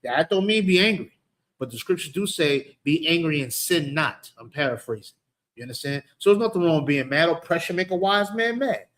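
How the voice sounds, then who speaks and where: A man with a New York accent and a slightly high, fairly bright, animated voice teaches a street-preaching scripture class a little fast. He's emphatic and conversational, often checking listeners understand by asking "you understand".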